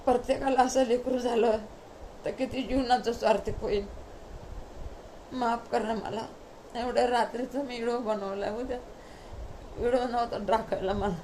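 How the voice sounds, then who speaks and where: A woman's voice: on the high side, steady tone, normal speed, pauses often, mellow, a little hiss or hum, poor audio. A middle-aged woman telling a homespun devotional story at home, repeating each line twice in a rhythmic, heartfelt way. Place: at home at night.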